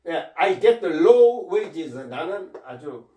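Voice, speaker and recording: Middle-aged male teacher, patient explainer, slow and animated, roomy sound at a distance from the mic. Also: on the high side, muffled recording. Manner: explains patiently, repeats words, slow drawn-out English examples. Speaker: English teacher. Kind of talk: online English lesson.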